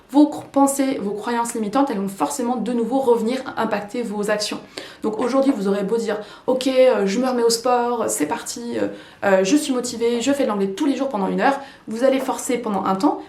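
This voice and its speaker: Young woman, coaching to camera, higher voice, chatty with fillers, roomy echo. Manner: lively, repetitive, many fillers. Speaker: English teacher and YouTuber. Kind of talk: casual coaching talk to camera. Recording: echoey room.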